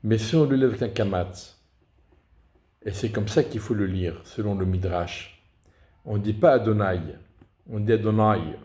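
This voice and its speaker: A man explaining reading rules in a deliberate lesson, often restarting his words. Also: lowish voice, dark tone. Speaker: Torah reading teacher. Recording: echoey room.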